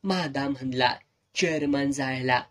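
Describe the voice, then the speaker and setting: A man's voice: medium pitch, a little slow, fairly bright tone. A man narrating a serialized village novel in earthy, vivid dialect. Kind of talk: storytelling narration.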